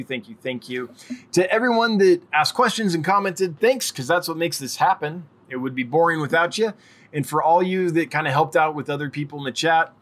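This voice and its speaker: A man's voice: a little high, fairly bright tone. A middle-aged man hosting a casual live-stream Q&A, chatty and friendly, rambling as he answers viewers' questions. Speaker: livestream host.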